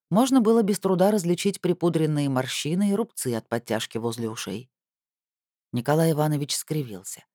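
A man's voice: on the high side, dark tone, no echo. Male audiobook narrator, dry close sound. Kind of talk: scripted dramatic narration.

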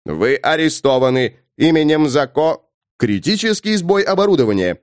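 A man voicing a huge police robot with a loud, metallic voice, giving slow, clipped commands. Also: on the high side, sing-song, no echo, studio quality. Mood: commanding. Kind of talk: audiobook narration.

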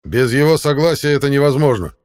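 A man's voice: mid-range voice, expressive, fairly quick, a little mellow, pitched above the performer's own voice, lightly acted. A man voicing a proud, touchy male fairy warrior with a menacing way of speaking. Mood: severe.

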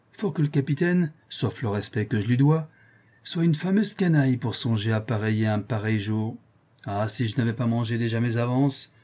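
A man's voice: mid-range voice, mellow, voice pushed up, lightly acted. Man voicing a blunt superstitious sailor. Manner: blunt, salty, earnest. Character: frank superstitious old-time male sailor.

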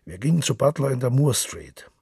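A man's voice: medium pitch, animated, a little fast, gravelly, darkish tone, slightly rough, dry recording, studio quality, voice pushed up, full character voice. A man voicing a touchy bedridden middle-aged invalid who recalls things eagerly.

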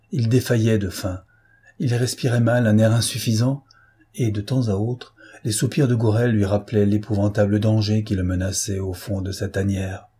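Male audiobook reader, measured and dramatic, low mellow voice. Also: husky. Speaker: audiobook narrator. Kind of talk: scripted narration.

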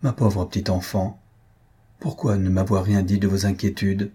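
A man's voice: low-pitched, little pitch movement, moderate pace, warm tone, husky. A man voicing an elderly dowager countess, a reproving yet motherly mother-in-law in a read-aloud novel. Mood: tender.

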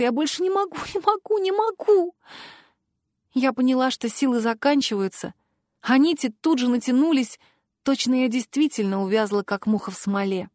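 A woman narrating a fantasy audiobook in the first person, with expressive, emotional storytelling on a close studio mic. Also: on the high side, no echo.

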